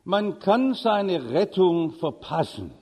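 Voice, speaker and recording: A man preaching a sermon, emphatic, with his voice swinging from soft to shouting. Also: sits high, big pitch swings, slow pace. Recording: long reverb of a large hall.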